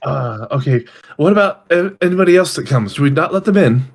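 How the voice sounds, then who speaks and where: A man's voice: a little high, animated, a little fast, pitched above the performer's own voice. A man voicing a deferential male night-shift servant at a manor, hesitant and calling his master sir.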